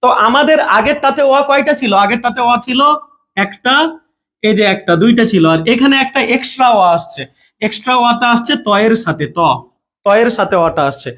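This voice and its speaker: A man's voice: very high voice, a little fast, a bit bright. A man teaching a live online grammar class. He keeps asking his students questions, repeats them, and checks often that they understand. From Bangladesh.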